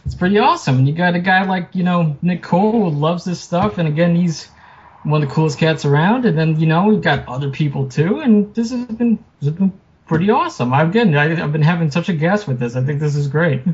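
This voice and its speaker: This writer, a podcast guest, has a fairly high voice with lively intonation and a brisk pace. He rambles hesitantly through the casual interview, leaning on fillers and laughing easily, all captured on dull lo-fi remote audio.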